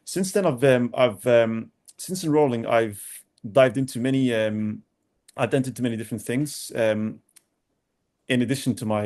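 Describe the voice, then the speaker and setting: A young man from Sudan, a doctor answering podcast interview questions in a halting way with many restarts and repeated words. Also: medium pitch, a little mellow. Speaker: doctor, guest.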